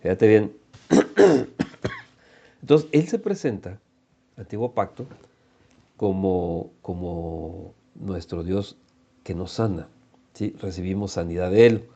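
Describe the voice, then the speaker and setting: Mexican male preacher, slow and mellow, teaching a congregation in a dull lo-fi recording. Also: low-pitched, expressive, gravelly. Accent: Mexican Spanish. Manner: unhurried teaching, addresses listeners as little brothers; reads scripture aloud and asks rhetorical questions. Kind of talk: sermon.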